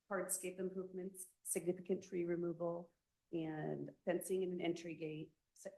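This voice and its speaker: A woman giving a formal presentation of a building project to a town review committee, reading through the permit details at a measured pace. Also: fairly low pitch, creaky, darkish tone, low-quality recording.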